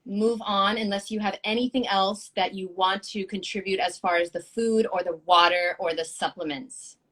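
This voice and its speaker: A woman in her thirties hosting a casual live-stream chat, excitable and quick to laugh, swearing casually. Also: mid-range voice. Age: 30s. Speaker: show host.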